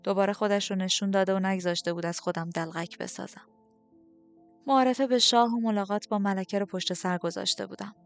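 A woman's voice: medium pitch, steady tone, soft background music. Woman reading a novel aloud. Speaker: audiobook narrator. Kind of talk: first-person novel narration.

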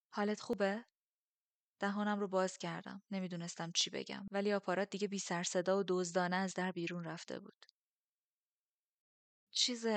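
Woman audiobook narrator, measured, low flat voice, dry close recording. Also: no echo. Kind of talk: first-person novel narration.

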